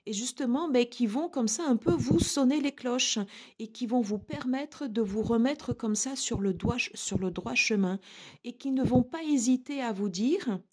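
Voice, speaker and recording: A woman giving a tarot card reading to her viewers, speaking gently and reassuringly with frequent hesitations. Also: fairly high pitch. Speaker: tarot reader.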